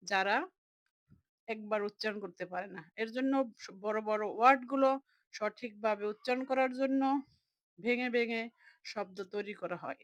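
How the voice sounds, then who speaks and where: A young woman teaching a lesson, slowly explaining and repeating words as she breaks them into parts. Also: fairly high pitch, fairly bright tone, no echo, low-quality recording.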